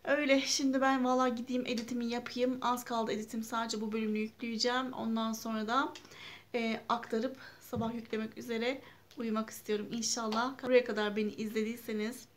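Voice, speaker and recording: A woman in her thirties talks to her viewers from her kitchen and living room, chatty and homely, with plenty of fillers. Her voice sits a little high. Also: flat delivery, fairly quick, slight background noise. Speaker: vlogger. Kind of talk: casual home vlog narration.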